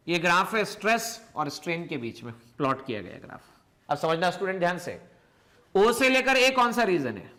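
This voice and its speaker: A man teaching physics in a recorded lesson. He asks questions and answers them himself, repeats key phrases, stretches words out slowly and mixes English terms into his explanation. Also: high voice, fairly bright tone.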